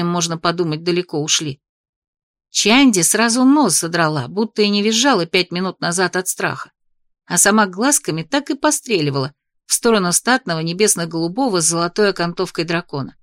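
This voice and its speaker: A woman narrating a first-person fantasy audiobook in a lively, expressive way. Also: fairly low pitch, a little fast, no echo, clean studio sound.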